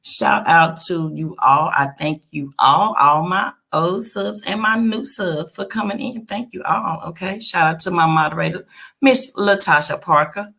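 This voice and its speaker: A woman runs a casual celebrity gossip livestream, talking directly to her viewers and often tossing in check-in tags like a quick "okay." Her voice is lowish, creaky, pushed and bright.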